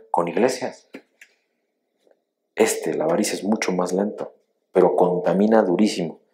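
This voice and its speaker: A middle-aged male pastor preaches a sermon in a very low voice. He tells stories emphatically, rising loud then sinking quiet.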